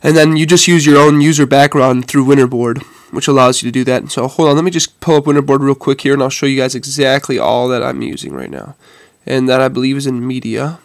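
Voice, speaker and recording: Creaky and congested from a head cold, a man with a mid-range voice briskly demonstrates a phone with hardly any pauses. His stuffy-nosed tutorial is hesitant and informal, addressed to "guys," and recorded dry with clean studio sound.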